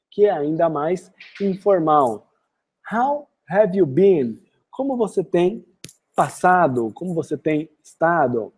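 Lively, husky Brazilian woman teaching. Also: fairly low pitch. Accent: Brazilian Portuguese. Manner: explains phrases, then says the English ones slowly and clearly. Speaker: English teacher. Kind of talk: online language lesson.

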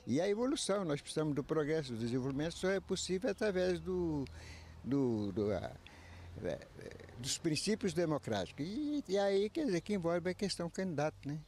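Halting elderly man in his eighties. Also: fairly high pitch, sing-song, a little mellow, slight background noise. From Brazil. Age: 80s. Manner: halting, many restarts and filler tags. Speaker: interviewee, retiree. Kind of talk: street interview. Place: outdoors under trees by a house. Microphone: handheld reporter mic.

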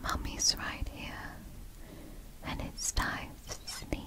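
Intimate whisper, woman acting as soothing motherly girlfriend, whispered role-play, very slow pace, sleep ASMR. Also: natural voice. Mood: tender, soothing.

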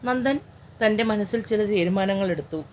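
A woman's voice: medium pitch, moderate pace, a little mellow, a little hiss or hum. Emotional woman narrating a romance story. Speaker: audiobook narrator.

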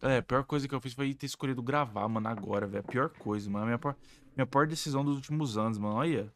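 A man's voice: medium pitch, racing, slight background noise. A man with a Brazilian Portuguese accent giving live gameplay commentary as host of a gaming channel, complaining in an exasperated, whiny way with slang and swearing.

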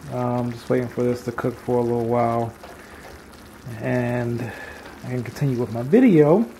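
A man casually vlogging while he cooks, talking in a relaxed, rambling way with lots of fillers. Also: mid-range voice, a little hiss or hum. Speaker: vlogger, father. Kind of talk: casual vlog chat while cooking.

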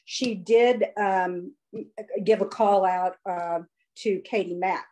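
A woman's voice: medium pitch, steady tone, takes it slowly, darkish tone, rough recording. A woman in a casual online book discussion, speaking hesitantly and tentatively. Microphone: video call.

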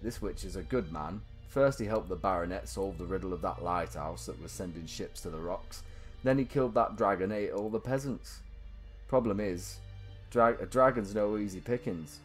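A man voicing a rough, scheming male thief with a northern English accent, reading out his letter home. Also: low-pitched, lightly acted. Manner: coarse, conspiratorial letter-reading.

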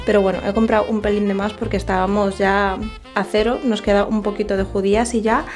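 A woman's voice: medium pitch, level tone, fast talker, a little mellow, soft background music. A young woman with a Spanish accent, chatting animatedly and mocking herself as she shows her shopping in a vlog, filmed with a handheld camera in a small home kitchen. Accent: Spanish from Spain. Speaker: vlogger. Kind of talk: casual vlog chat. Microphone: handheld camera close to face.

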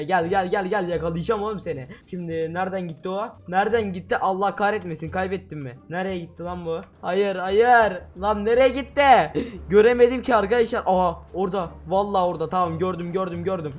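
A man giving loud, excitable commentary on his own gameplay, often shouting at other players. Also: sits high. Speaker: gaming video host.

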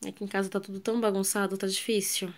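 Speaking quickly in a mid-range voice with little pitch movement, a woman with a Brazilian Portuguese accent narrates her kitchen cleaning for viewers. A mom and home vlogger, she's chatty, asks her audience questions and trails off with fillers.

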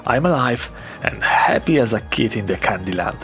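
A man's voice: medium pitch, animated, moderate pace, fairly bright tone, faint music behind. A young man giving an enthusiastic, casual first-person voice-over about his flight, swearing freely now and then. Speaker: paragliding vlogger.

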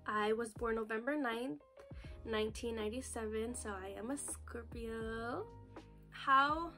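A woman's voice: a little high, a little slow, bright, forceful tone, faint music behind. A woman in her twenties from the United States, talking nervously and chattily in a casual vlog recorded on her phone, with lots of "like" and "you know". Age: 20s. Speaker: vlogger. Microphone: phone camera video.

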